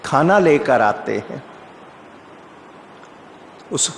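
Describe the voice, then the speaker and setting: A man's voice: medium pitch, very animated, creaky, slight background noise. A male Islamic preacher giving a sermon, telling stories with emphatic rises and asking the audience rhetorical questions. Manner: storytelling with rising emphatic outbursts. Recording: echoey hall reverb.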